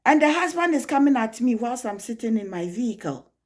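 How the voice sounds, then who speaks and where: A woman's voice: a little high, sing-song, a little fast. Indignant woman telling a story. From Africa. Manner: indignant, emphatic retelling with rising outbursts. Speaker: vlogger. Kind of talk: storytelling vlog.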